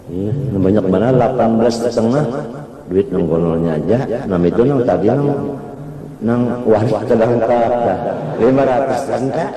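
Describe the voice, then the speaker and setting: A man with a Banjar accent giving a chatty, joking sermon to a congregation, laughing often as he talks. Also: medium pitch. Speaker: preacher. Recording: echoey hall, distant mic, crowd.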